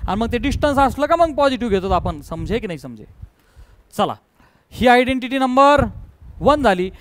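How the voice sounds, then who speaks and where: A man's voice: very high voice, very animated, normal speed, a bit bright, dry recording, low-quality recording. A man teaching math to a classroom, firing questions at students and mixing in English terms. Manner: drills students with call-and-response questions. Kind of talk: classroom lecture.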